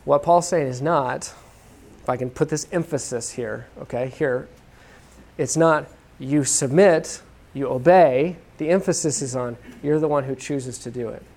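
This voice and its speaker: A man's voice: medium pitch, normal speed, gravelly, darkish tone. A man preaching a sermon to a congregation in a casual, conversational way, often checking in with "okay?". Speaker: pastor. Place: church room with congregation.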